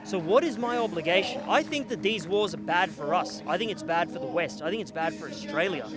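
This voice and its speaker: A man at an outdoor rally making his case in a measured, argumentative way in a street interview. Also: sits high, lively intonation. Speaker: rally attendee. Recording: clear music behind outdoors. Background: music.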